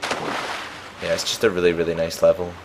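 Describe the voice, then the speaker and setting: A young man talks through a game he is playing, chatty and meandering, often laughing at his own mistakes. His voice sits low, and his relaxed home-recorded commentary carries a faint hiss underneath. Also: moderate pace, creaky. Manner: chatty, rambling, self-mocking. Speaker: let's play gamer. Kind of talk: casual gameplay commentary.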